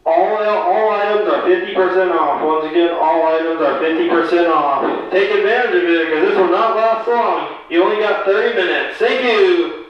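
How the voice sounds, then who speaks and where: A man making casual store announcements over a public-address loudspeaker, repeating each notice with "once again" and ending with "thank you.". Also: sits high, moderate pace, hardly any pauses, dull audio. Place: large store. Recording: echoey loudspeaker heard from far off.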